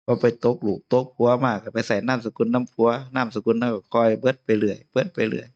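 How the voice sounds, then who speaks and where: A man's voice: medium pitch, level tone, quick pace, gravelly, darkish tone, highs cut off. A man with an Isan Lao accent giving an informal Buddhist sermon as abbot, chatty and chuckling often. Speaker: abbot giving a Dharma talk.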